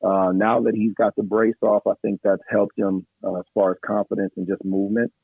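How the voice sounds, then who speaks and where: Over a tinny phone line, an assistant basketball coach answers radio interview questions, measured and full of fillers. His fairly low voice is flat and hoarse from yelling at practice, with no echo.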